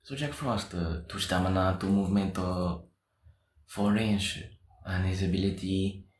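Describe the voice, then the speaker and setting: A man co-hosting a casual chat about game design, soft-spoken and trailing off quietly. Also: sits low, a little slow, echoey room. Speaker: podcast co-host.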